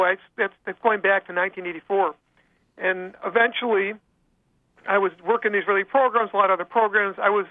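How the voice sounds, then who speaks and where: A man heard over a phone line, telling his own story as an interview guest in a halting, earnest way. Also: high-pitched.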